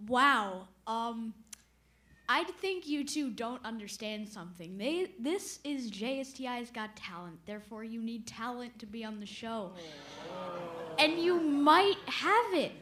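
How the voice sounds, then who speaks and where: A young woman from Pennsylvania playing a sharp-tongued judge in a student skit. Her voice is a touch high, her delivery snarky. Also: lively intonation, measured pace.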